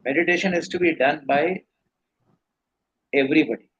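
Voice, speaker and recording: A man's voice: fairly high pitch, moderate pace, a bit bright, lo-fi sound, slight background noise. A man with an Indian accent giving earnest, rambling spiritual teaching in a live question-and-answer session. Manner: earnest, rambling explanations with restarts.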